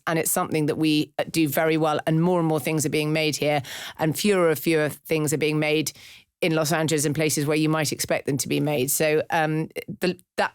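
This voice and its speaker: Dry, quick-witted man. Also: fairly high pitch, clear, resonant tone, dry recording. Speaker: podcast co-host. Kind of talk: casual chat.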